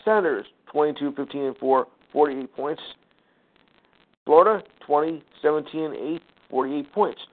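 A man hosting a sports talk show, reading out scores and standings with casual asides and lots of fillers. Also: on the high side. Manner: rattles off numbers with fillers, sighs and quick asides. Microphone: phone call line. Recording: tinny phone-line audio.

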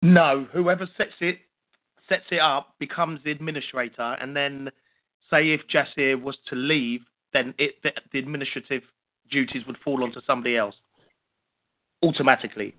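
A man's voice: mid-range voice, fairly even intonation, moderate pace. A man on a conference call over the phone, answering questions in a plain, helpful way. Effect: heard over a phone line. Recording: tinny phone line.

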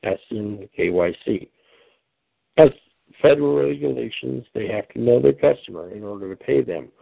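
A man's voice: mid-range voice, lively intonation, normal speed, creaky, dry recording. A man hosting a conference call over the phone. He answers questions in a folksy, patient way, with fillers. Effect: heard over a phone line. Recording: tinny phone line, dry.

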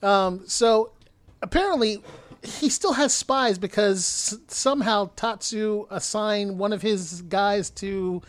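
A man's voice: high voice, slow, no echo. A man co-hosting a podcast, retelling a movie plot in a rambling, hesitant way with frequent laughs. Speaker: podcast co-host. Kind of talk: casual movie recap chat.

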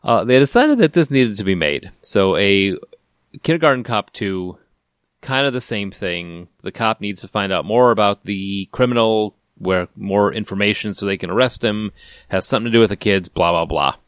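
A man's voice: fairly low pitch, animated, normal speed, fairly bright tone, smooth, no room sound, clean studio sound. A man hosting a casual podcast movie review, joking as he reads out the cast and trivia. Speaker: podcast host.

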